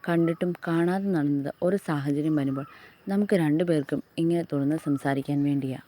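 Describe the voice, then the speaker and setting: A woman's voice: deep voice, brisk, warm tone, natural voice. A woman reading as a tender young husband. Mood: earnest.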